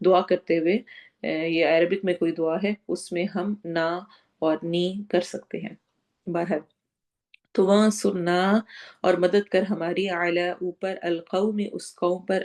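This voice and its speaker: Woman teaching tajweed, kinda low voice, breaks each word down slow, throws in english words. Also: a little mellow. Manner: explains word by word, drawing out recited words slowly; mixes English words into Urdu. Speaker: Quran teacher. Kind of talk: Quran lesson with tajweed and translation.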